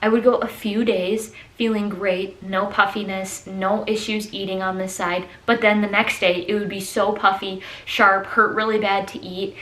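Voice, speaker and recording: A woman's voice: mid-range voice, flat delivery, normal speed, hardly any pauses, a bit bright. A woman telling a personal story in a casual, conversational vlog style, stressing key words for emphasis. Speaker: vlogger. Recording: echoey, roomy sound.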